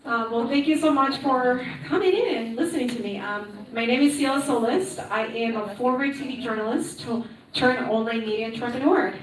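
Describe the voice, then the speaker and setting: With a voice on the high side, she speaks fairly quickly and barely pauses. She's a woman in her thirties from Peru telling her personal story at a conference, chatty and positive, often saying "right?". The recording is distant and echoey in a conference hall.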